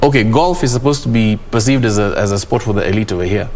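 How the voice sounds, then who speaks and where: A man's voice: fairly low pitch, quick pace, a little mellow. A man from Kenya co-hosting a studio sports discussion, talking emphatically and tagging his points with "okay?". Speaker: sports show co-host.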